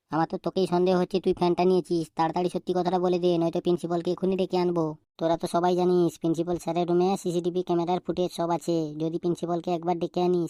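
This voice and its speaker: A woman voicing a stern male schoolteacher in a cartoon, talking quickly as he interrogates and threatens his pupils. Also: on the low side, mellow, no echo, studio quality, natural voice. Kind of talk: cartoon voice acting.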